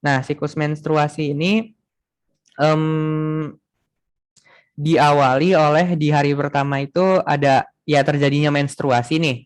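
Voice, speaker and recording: Casual young male tutor, higher voice. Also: level tone, a little slow, pauses often. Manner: informal, thinking aloud with many fillers. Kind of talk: online tutoring lesson.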